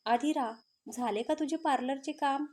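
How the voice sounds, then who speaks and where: A woman's voice: high voice, moderate pace, darkish tone, natural voice. Naitik, a jealous hot-tempered young man, read by a woman. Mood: angry. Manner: angry, taunting.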